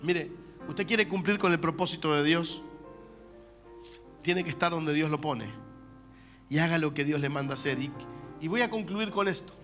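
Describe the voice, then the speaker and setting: Animated high-voiced Argentine pastor. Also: male voice, normal speed, pauses often, faint music behind. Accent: Argentine Spanish. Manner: animated, conversational preaching with asides to the congregation. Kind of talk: sermon.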